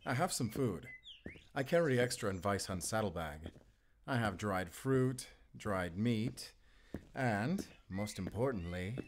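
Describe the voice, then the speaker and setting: A voice actor performs a cinematic audio roleplay as a wry, playful German wolf hunter who is confident and protective, teasing a companion in a conversational way. His voice sits fairly low, with lively intonation and a slightly slow pace. The mood is playful and teasing, and there is slight background noise.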